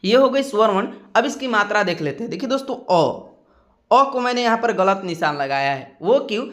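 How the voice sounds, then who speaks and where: A man with a high, light voice teaches a spelling lesson as a voice-over. He spells out each letter slowly and keeps asking his viewers what it reads. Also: lively intonation, a bit bright. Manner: slow, spells out letters one by one, keeps asking "kya doston?". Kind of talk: screen-recorded Hindi spelling lesson.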